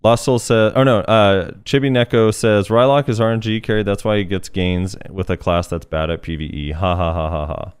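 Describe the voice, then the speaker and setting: A man's voice: on the low side, moderate pace, few pauses, smooth. A man hosting a casual podcast, reading listener comments aloud in a laid-back way with plenty of fillers. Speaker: podcast host.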